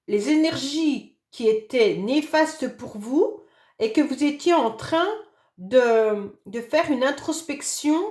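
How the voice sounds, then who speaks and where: Hoarse woman tarot reader, high voice, gentle reassuring delivery, echoey room. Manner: gentle, reassuring, fond of "d'accord?" and "hein". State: hoarse voice after illness, occasional cough. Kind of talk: monthly astrology reading for a sign.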